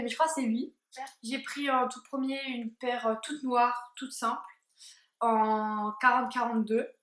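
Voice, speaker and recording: A woman's voice: a little high, fairly bright tone. A young woman vlogger chatting casually about her purchases, hesitant and full of fillers. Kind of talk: casual haul video chat. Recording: echoey room.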